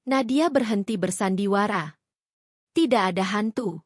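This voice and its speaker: A woman's voice: medium pitch, unhurried, no room sound, clean studio sound, close to an everyday voice. A woman voicing a scheming husband who is exposed and turns angry and menacing in a read-aloud story. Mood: furious. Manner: shouting, menacing.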